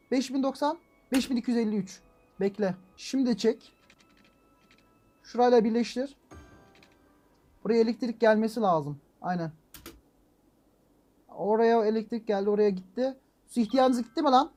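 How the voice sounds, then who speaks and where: A very high-pitched man hosts a gaming channel, giving let's-play commentary on his own play. He talks to himself excitably, swinging from calm muttering to loud, frustrated outbursts with frequent exclamations and mild swearing.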